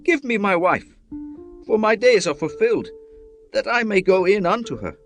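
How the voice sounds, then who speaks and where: A man's voice: high voice, expressive, moderate pace, faint music behind. A man voicing a devout young patriarch in a dramatized scripture reading, solemn and formal. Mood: earnest. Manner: solemn, archaic formal diction. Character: devout young male patriarch, earnest and pleading.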